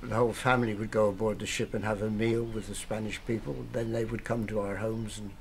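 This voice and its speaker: An older man, a retired harbour pilot, speaking in a measured, thoughtful way in a documentary interview. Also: on the low side, flat delivery, a little hiss or hum. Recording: music playing underneath.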